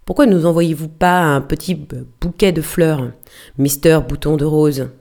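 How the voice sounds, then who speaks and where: A woman voicing a brash, joking male whaling mate who mocks and hails loudly across the water. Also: low-pitched, steady tone, normal speed. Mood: mocking.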